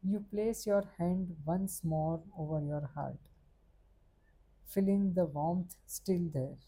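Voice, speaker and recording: Slow breathy woman guiding meditation. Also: on the low side, poor audio. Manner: soft, gentle, unhurried delivery. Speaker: meditation guide. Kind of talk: guided meditation narration.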